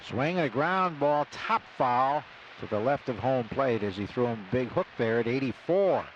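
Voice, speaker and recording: With the highs cut off, this live stadium radio broadcast catches a man doing baseball play-by-play from an outdoor ballpark's booth amid loud crowd ambience. He speaks at normal speed with a medium pitch and an animated delivery, his clipped calls swelling whenever a big play happens.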